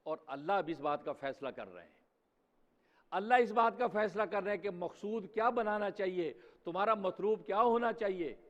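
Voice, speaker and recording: A man's voice: high voice, expressive. A man preaching a Friday sermon in a mosque, speaking emphatically and posing rhetorical questions. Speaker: preacher, mufti. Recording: dull sound with long hall reverb.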